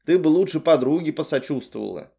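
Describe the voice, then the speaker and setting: A man's voice: fairly high pitch, expressive, fairly quick, vocal fry, warm tone, breathy edge, pitched above the performer's own voice, full character voice. A man reading an audiobook, voicing a fussy, sarcastic young woman who scolds her friend. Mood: snippy. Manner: snippy, scolding. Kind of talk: audiobook character voice.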